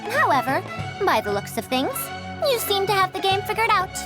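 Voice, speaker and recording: A woman's voice: extremely high pitch, big pitch swings, moderate pace. An actress voicing a confident, scholarly young woman researcher in a video game, instructive and precise, with music behind her. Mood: encouraging, teacherly. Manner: instructive, self-assured, precise. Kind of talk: video game character dialogue.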